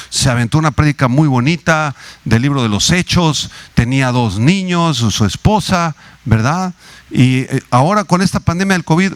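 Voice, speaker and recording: A male pastor delivers a teaching sermon in a middle-range voice. He slows down to spell words out and lifts his pitch on key phrases. The sound is dry and close. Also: no room sound. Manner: teaching, spells out Hebrew words slowly, rises in pitch on emphasis.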